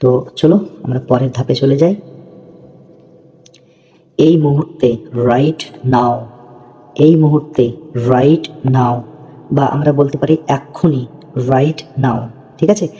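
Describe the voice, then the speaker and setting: A man gives a slow, patient language lesson in a very dark, mellow voice. He repeats each word and keeps checking that his students follow. The audio is dull and lo-fi, with a long reverb trailing behind him. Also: medium pitch. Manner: patient, repeats words, often checks understanding. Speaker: English teacher.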